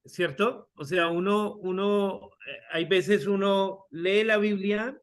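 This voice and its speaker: Slow, high-voiced man teaching a Bible class. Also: clean tone. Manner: slow, repeats words and restarts, asks the class questions. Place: video call.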